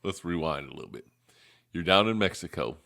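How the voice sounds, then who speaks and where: Guy co-hosting a chill live review stream, lowish voice, rambles a lot and keeps cracking up. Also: lively intonation, brisk, fairly bright tone. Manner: rambling, with many fillers and bursts of laughter. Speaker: co-host of a soda review show. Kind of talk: casual live chat.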